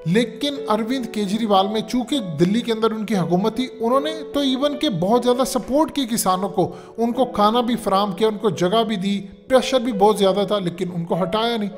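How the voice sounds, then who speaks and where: Male political commentator, pitched high, emphatic lecturing delivery, soft music bed. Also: brisk, few pauses. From Pakistan. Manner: emphatic, lecturing, repeats "dekhiye".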